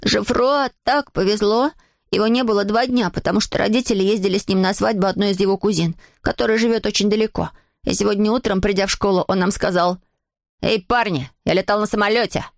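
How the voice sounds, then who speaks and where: A woman narrating a children's story aloud in a lively, playful way. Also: mid-range voice, fast talker, vocal fry, no room sound, studio quality. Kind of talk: storybook reading.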